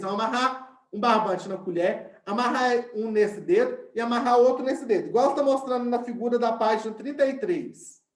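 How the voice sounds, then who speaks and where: Male teacher, explains step by step and often checks that the class follows, in a roomy echoey space. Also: very high voice. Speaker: science teacher. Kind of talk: online class lesson.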